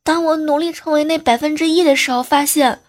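A woman's voice: sits high, fairly even intonation, fairly quick. A woman hosting a comedy show, telling funny everyday stories in a playful, teasing way. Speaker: host. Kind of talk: comic joke storytelling.

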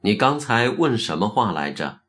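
A man voicing a terse, probing elderly Zen master in a told story, low and measured. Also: very animated, a bit bright. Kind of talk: storytelling narration.

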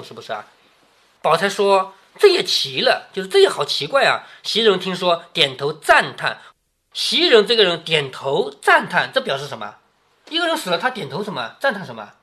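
Bright, lively man explaining a classic story. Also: sits high. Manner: checks understanding with frequent questions to the listener; paraphrases old text into plain everyday speech. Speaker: father reading a classic novel aloud to his daughter. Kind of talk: reading aloud with explanations.

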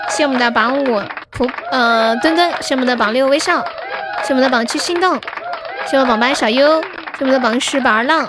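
A woman's voice: high voice, noisy background. A young woman hosting a casual livestream, chatting with viewers, laughing often and reading out their names. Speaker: livestream host.

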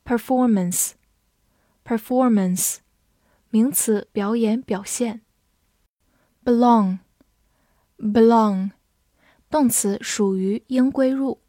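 A woman reading an English vocabulary review. She says each word twice in a deliberate way, then gives its part of speech and meanings. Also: on the high side, warm tone, no echo, studio quality.

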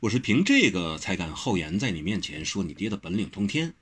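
A gentle young swordsman from a martial-arts audiobook, self-deprecating and warm-hearted, read by a man. His voice is husky and moves widely in pitch. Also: big pitch swings, brisk, exaggerated voice. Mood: modest. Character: modest good-natured young male swordsman.

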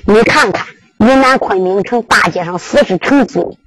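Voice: mid-range voice, normal speed, a bit bright, dry recording, soft background music, pitched below the performer's own voice, close to an everyday voice, poor audio. A storyteller with a Henan accent voicing an elderly prince who declaims his commands in a commanding, fatherly manner. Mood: approving.

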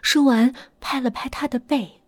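A woman narrating a ghost story dramatically, slowing down and hushing at the tense moments. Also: high voice, steady tone, no echo, studio quality. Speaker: storyteller host. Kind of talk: horror audiobook narration. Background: faint music.

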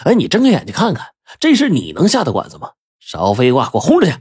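A man storyteller voicing a loud, arrogant male head waiter who shouts and bullies in a storybook tale. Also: a little high, wildly swooping pitch, fast talker, breathy edge, voice pushed up, exaggerated voice. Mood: scornful. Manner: shouting, bullying.

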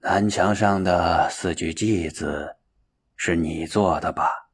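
A man voicing an old male Zen patriarch who speaks slowly and gravely, with a husky voice. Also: sits low, voice pushed down, exaggerated voice. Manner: slow, weighty, sighing.

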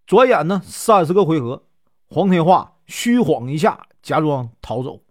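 A man's voice: a little high, sing-song, no echo. Give me a man casually narrating a classic legend in a chatty way, in a dry, close recording. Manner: chatty, lots of drawn-out filler particles. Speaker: storyteller.

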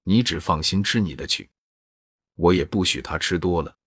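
A man reading the lines of a kindly, indulgent middle-aged aunt in his own low voice. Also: moderate pace, slightly rough, dry recording, clean studio sound. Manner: read in the narrator's own voice.

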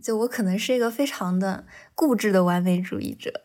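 A woman's voice: mid-range voice, fairly quick, darkish tone. A woman novelist talking candidly and reflectively in a casual podcast conversation, with a laugh here and there between thoughts. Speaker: novelist guest.

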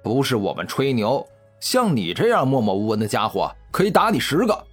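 A man's voice: medium pitch, wildly swooping pitch, fairly quick, soft background music. A man voicing an arrogant, insolent rich young bully who sneers at an old man. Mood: sneering.

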